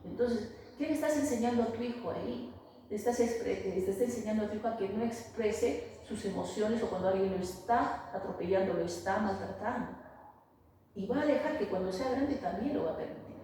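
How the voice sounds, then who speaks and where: A woman's voice: mid-range voice, brisk, mellow. Hesitant woman therapist in echoey room. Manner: hesitant, many fillers and restarts. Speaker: family therapist. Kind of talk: interview, explaining to an interviewer. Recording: echoey room, voice far from mic, faint noise.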